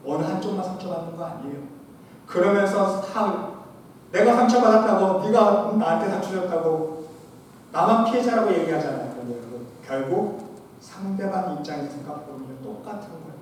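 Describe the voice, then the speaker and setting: A man preaching a sermon to his congregation as pastor, swinging between loud exhortation and quiet asides. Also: a little high, a little hiss or hum. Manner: addresses the congregation often. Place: church sanctuary. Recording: echoey church hall, preacher far from mic.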